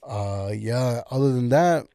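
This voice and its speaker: A young man hosts his own podcast alone, rambling in a casual, encouraging monologue packed with filler words. His mid-range voice is expressive and slow.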